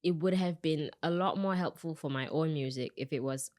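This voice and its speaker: A young woman from Singapore, a singer-songwriter, chatting casually in an interview, lively when she quotes herself. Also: sits low, moderate pace, no echo, clean studio sound. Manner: chatty, animated when quoting herself, laughs often.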